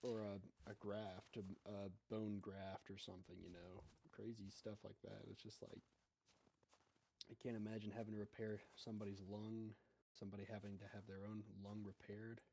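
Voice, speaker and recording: A man's voice: lowish voice, little pitch movement, moderate pace, warm tone, a little hiss or hum, poor audio. A man rambling in casual chat over online voice chat while gaming, his talk full of "like" and "you know". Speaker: co-host of a gaming stream.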